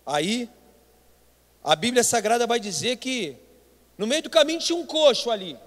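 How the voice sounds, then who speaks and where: A man's voice: extremely high pitch, animated, moderate pace, fairly bright tone. A Brazilian man, a pastor, preaching a Sunday school sermon with emphatic delivery, often addressing the listeners as brothers. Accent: Brazilian Portuguese. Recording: long hall reverb.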